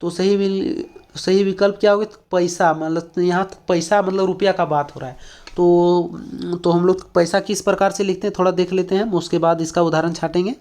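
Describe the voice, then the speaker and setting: Teaching an exam-prep language lesson, a man from Jharkhand, India, talks at a moderate pace in a high, steady, somewhat dark voice. His explanation moves step by step, thick with fillers and repeated questions aimed at the class.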